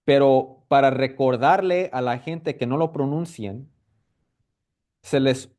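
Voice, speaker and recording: A man's voice: mid-range voice, darkish tone. A man teaching a casual Bible lesson, explaining step by step and checking in with his listeners often. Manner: explanatory, repeats himself with frequent "¿ok?" and "¿verdad?" checks; halting with restarts and fillers.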